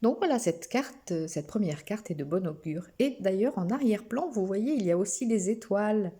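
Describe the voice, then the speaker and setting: A French woman gently reading oracle cards to her viewers, with many pauses and small restarts. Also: mid-range voice, lively intonation, breathy edge. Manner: slow, gentle, with frequent hesitations and restarts. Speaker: spiritual card reader. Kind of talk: oracle card reading to camera.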